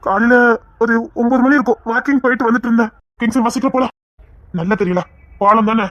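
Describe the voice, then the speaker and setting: A reader voices the men in a dramatic family story, sounding urgent, questioning, and roughly colloquial. The voice is medium-pitched and quick, in a dry recording with the highs cut off.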